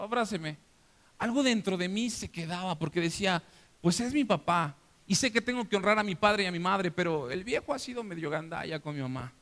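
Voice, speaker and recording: A man's voice: high voice, fairly bright tone, long reverb tail. A middle-aged Mexican man, a pastor, preaching a personal testimony with emotion, acting out family voices. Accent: Mexican Spanish. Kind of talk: sermon testimony. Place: church.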